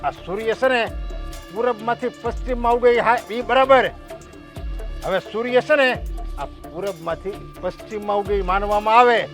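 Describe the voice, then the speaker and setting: A proud, domineering village headman in a family drama lays down his orders in a stern, commanding voice. He speaks, and his voice sits high. Faint music plays behind him. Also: moderate pace, a bit bright. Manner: stern, commanding, pronounces sentences.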